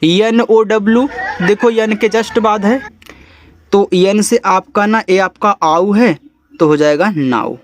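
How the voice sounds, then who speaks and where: A man teaching an English reading lesson, who spells out each letter slowly and then says the whole word lower and softer, checking in with his students. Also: a little hiss or hum. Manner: coaxing, checks in with "ठीक है?". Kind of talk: step-by-step phonics lesson.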